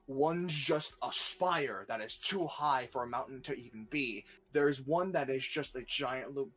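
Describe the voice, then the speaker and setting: Animated man narrating as game master. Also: mid-range voice. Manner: animated, swearing, laughing storyteller.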